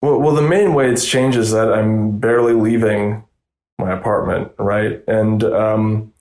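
A young man from Russia talks through a casual interview as a reporter guest, full of "you know" and restarts. His delivery is animated and his pitch jumps up when something strikes him. The recording has a noticeably roomy, echoey sound. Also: unhurried. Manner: animated, rambling with many fillers.

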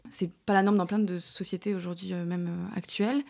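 A woman's voice: lowish voice, steady tone, fairly quick, gravelly, darkish tone. A woman in her thirties chatting as a podcast guest, with many fillers and words that trail off to near-whispers. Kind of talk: casual interview chat.

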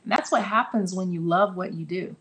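Fairly quick and on the low side, with a fairly bright tone, this guest talks earnestly and encouragingly about the publishing business she runs. She frequently starts her sentences over during the interview, and the recording quality is poor.

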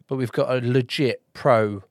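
A man's voice: mid-range voice, steady tone, moderate pace, no echo, clean studio sound. A man hosting a podcast in casual chat, joking, swearing and laughing often. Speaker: podcast host.

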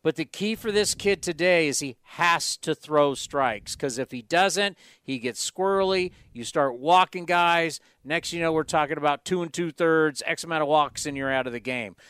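A male sports show host with a smooth, slightly high voice in a dry studio sound. He talks baseball casually and with emphasis. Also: normal speed, few pauses, a bit bright, no room sound. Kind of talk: baseball talk, casual analysis.

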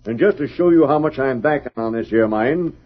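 Man playing a husky, gruff old mountain man prospector. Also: mid-range voice, expressive, brisk, close to an everyday voice. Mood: defiant. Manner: gruff mountain man, rustic folksy speech. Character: gruff, stubborn old prospector, wary of strangers. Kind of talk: old-time radio western acting. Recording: dull vintage radio recording.

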